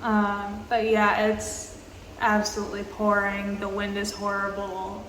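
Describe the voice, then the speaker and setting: A woman in her twenties talking casually for a vlog, with many pauses and fillers, recorded in a public bathroom. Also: medium pitch. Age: 20s. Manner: halting, filler-heavy, slow and even. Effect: roomy bathroom echo. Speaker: vlogger. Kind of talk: casual travel vlog chat. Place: small tiled public bathroom, indoors. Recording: echoey bathroom with faint background noise.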